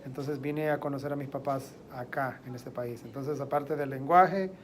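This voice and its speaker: A man from El Salvador, answering interview questions thoughtfully with frequent pauses. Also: mid-range voice, fairly even intonation, a little hiss or hum. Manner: thoughtful, pausing with eh.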